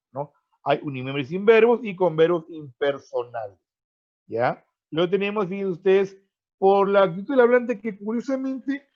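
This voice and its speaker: A man with a Peruvian Spanish accent teaching an online pre-university grammar class, explaining with frequent tag questions and repetitions and fondly addressing his students as freshmen. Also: sits high. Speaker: language teacher. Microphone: video call. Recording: dull lo-fi online-class audio.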